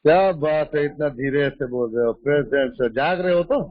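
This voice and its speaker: Male math teacher, high-pitched, kindly roll call over a dull lo-fi video call. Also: normal speed. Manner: mixes Hindi and English, calls students "beta". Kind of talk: online class lecture and roll call. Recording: muffled lo-fi online call audio.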